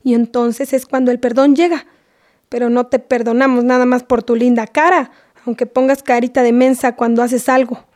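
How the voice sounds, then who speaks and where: Lady playing a bossy mexican mom scolding her kid, high but warm sounding. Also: flat delivery, moderate pace, lightly acted. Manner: scolding, lecturing, half-whispered. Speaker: mother. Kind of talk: comedy sketch acting.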